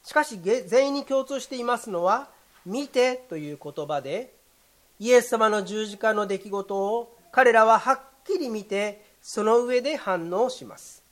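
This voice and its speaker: A pastor delivering a sermon in a measured, formal way, with occasional short fillers. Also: medium pitch, lively intonation, a bit bright.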